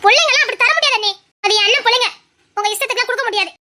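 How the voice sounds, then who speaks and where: A woman's voice: extremely high pitch, rapid-fire, sharp tone, exaggerated voice. A woman voicing an emotional, devoted young village wife in a cartoon, pleading and tearful, with a Tirunelveli Tamil accent. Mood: indignant. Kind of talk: cartoon voice acting.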